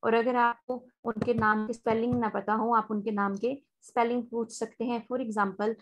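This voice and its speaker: A woman with a Pakistani accent teaching an online spoken English class, explaining step by step and slowing down for polite sample phone lines. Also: a little high, flat delivery, a little hiss or hum.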